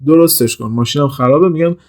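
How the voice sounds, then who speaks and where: A man teaching everyday English phrases, saying each phrase slowly and clearly, then explaining it in a quicker, casual way. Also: fairly high pitch, a little mellow. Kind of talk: casual language lesson.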